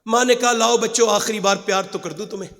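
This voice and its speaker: A man preaching an emotional sermon to a gathering, dropping to hushed storytelling and rising to high shouted climaxes, urging the crowd to respond. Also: steady tone, in a large hall. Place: large gathering hall.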